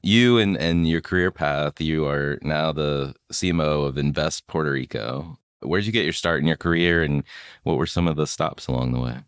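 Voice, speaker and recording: A man hosting a podcast interview, upbeat and quick to laugh. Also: very deep voice, clean tone, no echo, clean studio sound. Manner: upbeat, laughs often, lively intonation. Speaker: podcast host. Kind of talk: casual interview.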